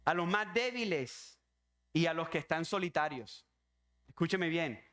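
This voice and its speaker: A man's voice: fairly high pitch, expressive, measured pace, a bit bright. A man preaching a sermon as pastor, emphatic and repetitive, driving home his points with rhetorical questions.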